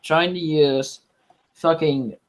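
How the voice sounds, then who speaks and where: A man's voice: fairly high pitch, fairly even intonation, takes it slowly. A man in a casual online group chat, rambling along and swearing heavily as he goes. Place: online voice call livestream.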